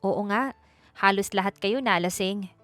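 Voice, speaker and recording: A woman's voice: medium pitch, a little slow, a bit bright, no room sound, soft background music, lightly acted. A woman voicing a timid young provincial schoolteacher who stammers and keeps apologizing in a storybook reading. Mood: earnest.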